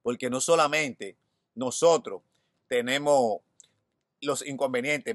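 A Dominican man in his thirties hosts a news show outdoors, standing in front of a hedge. He reads the headlines and then offers his own opinion in a Dominican Spanish accent. His mid-range voice is a bit bright, and the recording is studio quality with no echo.

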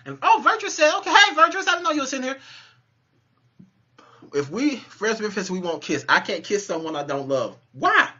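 With a high voice at an ordinary pace, this co-host, a man in his thirties, ribs and argues through a casual live chat in his kitchen at home. He's lively and laughs a great deal, though the webcam audio is muffled and lo-fi.

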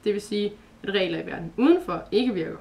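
A woman voicing a gentle, protective mother spirit in a storybook reading, speaking softly. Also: mid-range voice, animated, creaky. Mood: tender.

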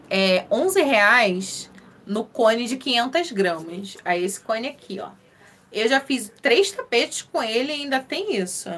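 A woman with a Carioca accent talks casually on a crochet live stream, her voice sitting a little high. She is chatty and friendly, greeting viewers one by one and laughing often. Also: fairly bright tone, slight background noise. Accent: Carioca (Rio de Janeiro) Portuguese. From Rio de Janeiro, Brazil.

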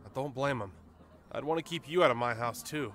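A man's voice: mid-range voice, brisk, a bit bright, voice pushed up, close to an everyday voice. A man doing a wry, confident gang leader. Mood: teasing. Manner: dry, teasing. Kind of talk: audiobook character voice.

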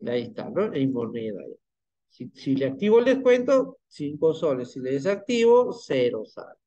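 A man's voice: mid-range voice, sing-song, moderate pace, mellow. A man teaching a live online class, patient and often checking in with his students. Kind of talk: live online class, screen-share demo. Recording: muffled lo-fi online class audio.

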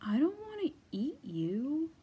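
A woman voicing a big grumpy but lonely bear from a children's picture book, in a slow, exasperated manner. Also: high voice, huge pitch swings, dark tone, heavily acted. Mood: sheepish. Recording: echoey room, faint background noise.

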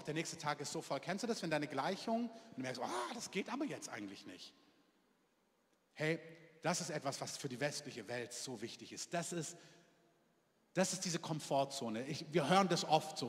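A man's voice: fairly high pitch, a bit bright. A man preaching in a casual, storytelling way, often asking the congregation questions. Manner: conversational storytelling, asks audience questions. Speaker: pastor. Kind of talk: sermon. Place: church hall. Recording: long hall reverb.

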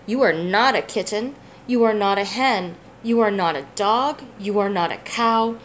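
A woman's voice: medium pitch, moderate pace, a little hiss or hum, close to an everyday voice. A woman voicing a little baby bird who is searching for its mother, calling out in a plaintive, pleading way. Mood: relieved.

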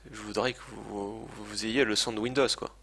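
A man's voice: fairly low pitch, level tone, normal speed, vocal fry, pushed and bright. A man streaming a video game live, talking casually and hesitantly, swearing and poking fun at himself. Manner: chatty, hesitant, swears, self-mocking. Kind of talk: casual live gameplay commentary. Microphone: desk microphone, speakers playing game sound.

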